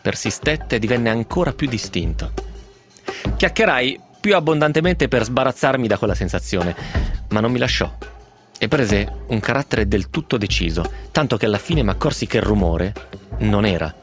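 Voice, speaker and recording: Male radio host, lively dramatic reading over strong music bed. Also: lowish voice, moderate pace. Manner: intense, building, expressive delivery. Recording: music playing under the voice.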